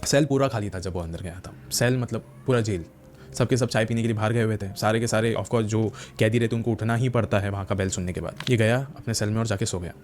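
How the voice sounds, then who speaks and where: A man's voice: on the low side, fast, darkish tone, faint music behind. A man narrating a horror story dramatically, acting out the characters' lines.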